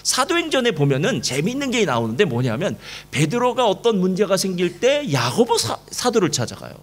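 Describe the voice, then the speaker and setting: A man preaching a sermon to a church congregation, telling a story with lively asides and rhetorical questions to the listeners. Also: high-pitched, a little fast. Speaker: pastor. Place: church service.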